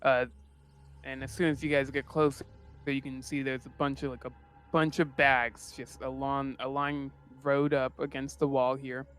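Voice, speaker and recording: A man running a tabletop game as game master, narrating in a relaxed way with many fillers. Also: medium pitch, moderate pace, clean tone.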